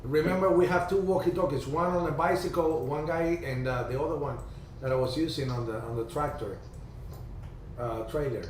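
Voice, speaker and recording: A Cuban man hosts a ham radio livestream, telling stories in a chatty way during a casual group video chat, with halting restarts. His voice is slightly high. The video-call audio sounds distant and roomy, with a faint hiss.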